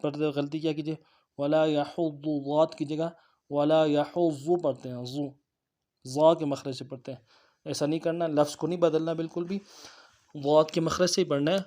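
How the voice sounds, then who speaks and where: A man with a Pakistani Urdu accent teaching tajweed. He recites the verses slowly word by word, then explains common mistakes in quick speech. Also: on the high side, level tone, warm tone. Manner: switches between drawn-out melodic recitation and brisk corrective explanation.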